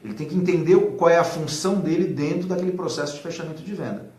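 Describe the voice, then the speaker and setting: A man's voice: a little high, quick pace, a little mellow. A man talking casually and animatedly about sales management, acting out little dialogues and using many fillers. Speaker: sales consultant guest. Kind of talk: casual advice talk. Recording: echoey room, faint background noise.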